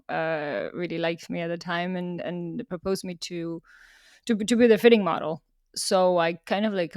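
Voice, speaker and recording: A woman's voice: fairly low pitch, creaky, no room sound, clean studio sound. A woman from Estonia, a podcast guest telling stories in casual talk and laughing often.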